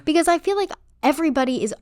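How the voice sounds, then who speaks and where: A woman's voice: high voice, lively intonation, racing, a little mellow, no echo, clean studio sound. Chatty young woman, rambling podcast talk. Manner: rambling, filler-heavy, lots of "like". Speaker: podcast co-host. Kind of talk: casual chat.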